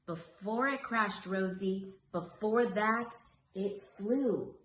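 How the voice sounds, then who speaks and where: A woman's voice: mid-range voice, slow, a bit bright. A woman voicing a spirited, encouraging elderly great-great-aunt from a storybook, with emphatic, heartfelt delivery. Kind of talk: storybook character voice. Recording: roomy echo, faint background noise.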